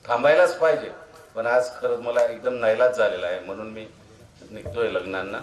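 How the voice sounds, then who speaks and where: A man giving an earnest, formal speech to former students at a reunion, somewhat halting. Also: on the low side, reverberant, rough recording. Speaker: guest speaker at reunion.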